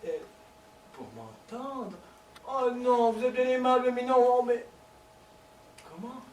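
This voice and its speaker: A man's voice: extremely high pitch, lively intonation, slow, exaggerated voice. A male stage actor playing a lovesick man who pleads with his lover over the phone, talking theatrically and stammering in a live comedy performance. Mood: pleading. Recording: echoey stage recording from far off.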